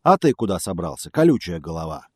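A man doing a booming, clumsy bear. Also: big pitch swings, darkish tone, no echo, studio quality, exaggerated voice. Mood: gruff. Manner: booming and slow, gruff. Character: big clumsy greedy male bear.

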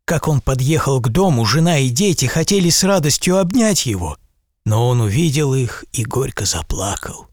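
A man reading a fairy tale aloud, storyteller style, in an expressive, animated way. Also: medium pitch, moderate pace.

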